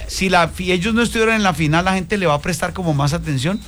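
A man's voice: sits high, quick pace, faint music behind. A man hosting a sports radio show, animatedly quizzing his co-hosts in casual debate. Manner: animated, quizzing co-hosts, reads sponsor promo.

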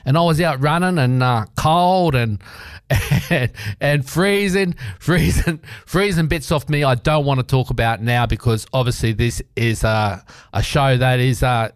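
In a clean, dry studio recording, a man from South Australia chats casually on his community radio show. His voice is smooth, mid-range, and unhurried, and he rambles, restarting often and filling pauses.

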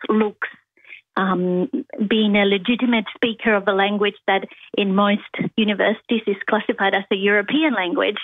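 A woman from Argentina, a native Spanish speaker and university lecturer, answering interview questions slowly and thoughtfully, with many ums and restarts. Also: medium pitch, dry recording. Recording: tinny phone line, dry.

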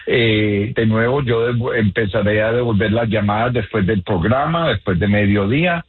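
A man's voice: lowish voice, moderate pace, slightly rough. A man from Colombia, a real estate agent, explaining earnestly on a radio call-in show with many fillers. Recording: tinny phone line.

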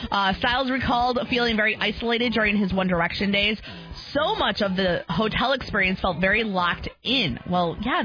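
A woman hosting a radio show, reading entertainment and trending news with casual asides. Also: medium pitch. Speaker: radio host. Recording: slightly dull radio, faint music bed. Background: faint music.

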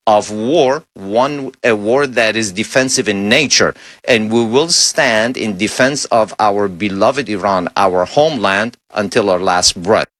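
A slow male live interpreter voice. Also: fairly low pitch, a bit bright, no echo. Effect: live interpreter voice over a speech feed. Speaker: simultaneous interpreter.

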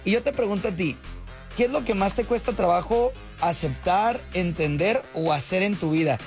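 A high-voiced man hosts an evening radio show, loose and slangy. Faint music plays beneath his voice. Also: moderate pace, darkish tone. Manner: chatty, slangy, laid-back. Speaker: radio host. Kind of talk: casual radio chat. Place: radio studio.

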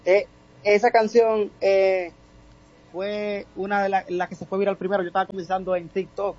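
A man with a Dominican accent, a guest singer in a casual interview, pausing often with filler sounds. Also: high voice, flat delivery, darkish tone, highs cut off. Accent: Dominican Spanish. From Dominican Republic. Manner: halting, many filler sounds.

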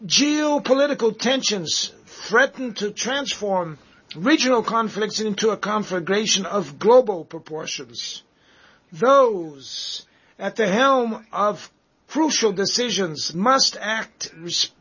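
Man, live interpreter voice, husky, slow measured phrasing, lo-fi broadcast sound. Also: high voice, lively intonation, fairly bright tone. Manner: measured, halting delivery with pauses between phrases. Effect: live interpreter voice, dubbed over a speech. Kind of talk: simultaneous interpretation of a formal speech.

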